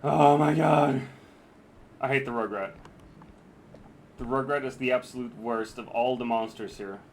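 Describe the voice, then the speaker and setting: A man's voice: medium pitch, steady tone, normal speed, a bit bright, a little hiss or hum. A man streaming a co-op game with friends, joking, swearing and cheering his teammates on. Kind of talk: casual gaming chat with friends.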